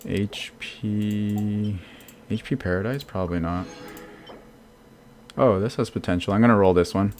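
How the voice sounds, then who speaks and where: This thirty-something American streamer speaks a little slowly with long pauses, his lowish voice slightly mellow, while faint music plays behind him. He casually comments on his game, answers chat and laughs often.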